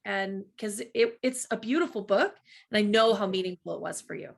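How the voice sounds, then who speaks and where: A woman's voice: medium pitch, a little fast, creaky. A woman hosting a podcast over a video call, affirming her guest and rephrasing her thoughts as she speaks. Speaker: podcast host. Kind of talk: interview conversation.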